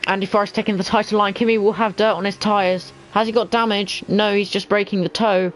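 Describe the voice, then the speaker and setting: A man giving casual lead commentary on an online racing league, sometimes halting as he thinks aloud between calls. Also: high voice, level tone, fairly bright tone, poor audio. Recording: faint background noise.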